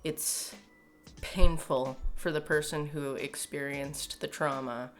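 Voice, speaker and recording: Talking to camera from a small room at home, a young adult video commentator with a Canadian accent offers casual opinions in a fairly low voice. She's emphatic and exasperated with a sardonic edge, speaking slowly with fairly even intonation. Soft music plays behind her.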